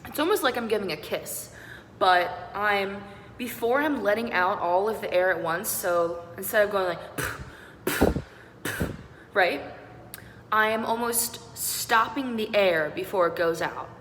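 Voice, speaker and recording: A woman's voice: mid-range voice, unhurried, pauses often, a bit bright. A young woman singing teacher giving an upbeat online beatboxing lesson, walking learners through each sound step by step. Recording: roomy echo with long reverb and faint noise.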